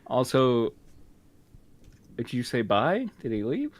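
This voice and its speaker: A man in casual chat, joking and rambling through asides. His pitch sits in a middle range. He talks at an unhurried pace. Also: wildly swooping pitch. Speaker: co-host.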